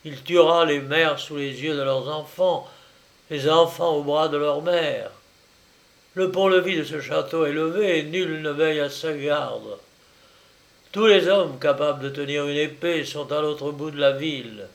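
A man's voice: fairly high pitch, measured pace, gravelly. A man voicing an arrogant scornful admiral. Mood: stern. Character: arrogant, scornful middle-aged male admiral. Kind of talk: audiobook character reading.

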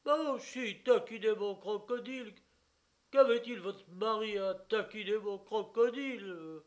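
A man voicing a self-pitying German showman who wails loudly in a shrill, lamenting voice. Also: measured pace. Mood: wailing.

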